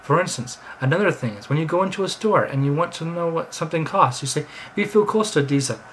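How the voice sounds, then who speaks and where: A man's voice: on the high side, fast talker, a bit bright, a little hiss or hum, rough recording. An American man telling rambling, chatty stories in a casual monologue. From United States. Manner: rambling, chatty, drifting between anecdotes. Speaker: vlogger.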